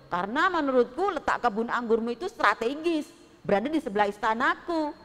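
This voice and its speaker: A greedy, petulant king, voiced by a woman, pitched high and swinging widely as he coaxes and whines. The voice carries a long hall echo. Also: expressive, fairly quick, a bit bright, soft background music. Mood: coaxing. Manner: coaxing, then whiny and petulant. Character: greedy, sulking king, male adult.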